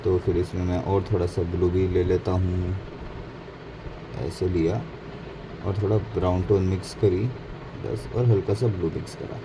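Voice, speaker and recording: His voice sits low and his delivery is flat, at normal speed with frequent pauses. As a painting instructor narrating a casual tutorial, he mixes Hindi with English and corrects his slips as he goes, over faint background noise.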